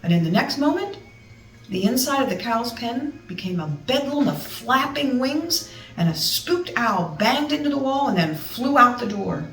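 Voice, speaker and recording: A woman with a fairly high, fairly bright voice reads a children's storybook with great animation and chatty asides to her listeners, keeping a moderate pace. It's recorded on a distant mic in a roomy space with music behind.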